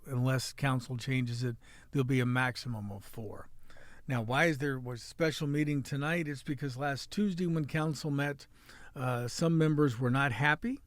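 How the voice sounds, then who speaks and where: On a dry recording, a podcast host and city editor speaks in a mid-range voice with a Midwestern American accent. This middle-aged man keeps things joking and chatty, rambling and restarting as he moves between casual banter and local news.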